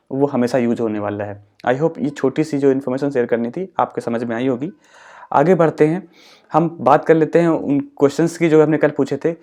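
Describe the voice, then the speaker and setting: A young man hosts an exam-preparation lesson in a mellow, somewhat high voice. He explains step by step, repeats his points and slips English terms into his Hindi. His delivery stays patient and instructive. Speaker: exam-prep teacher and channel host. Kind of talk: educational explainer.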